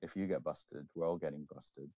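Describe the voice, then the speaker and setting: A man's voice: rumbling low, no room sound, highs cut off. A man, a DJ, chatting casually on a podcast and often stopping to restart his sentences. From Singapore. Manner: halting, with many restarts. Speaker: DJ and guest.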